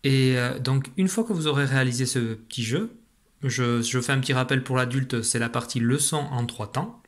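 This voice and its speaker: Guy teacher talking to little kids, slow and patient, says each syllable again and again. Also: mid-range voice. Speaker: primary school teacher. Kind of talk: remote lesson for young children.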